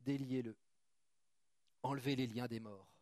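A man's voice: medium pitch, fairly even intonation, a little slow, a little mellow, no room sound, studio quality. A man preaching in a church, reading scripture aloud and breaking into chatty asides to his congregation. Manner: reads scripture then comments casually, chatty asides to the congregation. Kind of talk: sermon with Bible reading.

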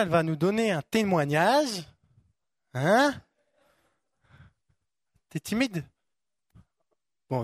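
A high-voiced man delivers an animated sermon, swinging from fiery shouting to soft, hushed coaxing. The sound is close and dry, with no room echo around him. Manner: animated, shouts acted-out inner voices, then calms to soft prayer talk. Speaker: pastor. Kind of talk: lively sermon.

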